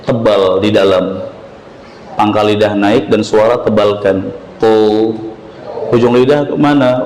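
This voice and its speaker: A man's voice: on the low side, darkish tone. A man with an Indonesian accent teaching Quran recitation, patiently repeating syllables and chanting examples. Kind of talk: slow tajwid lesson with modeled recitation. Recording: roomy hall with long reverb, faint ambience.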